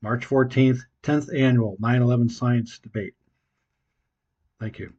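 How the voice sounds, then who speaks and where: A man leaves a phone message over a landline phone, pausing often with filler sounds as he goes. His voice is a little husky and sits at an ordinary pitch. The phone line makes the sound muffled and dull. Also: fairly even intonation, dark tone. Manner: hesitant, frequent filler sounds. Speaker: caller leaving a voicemail.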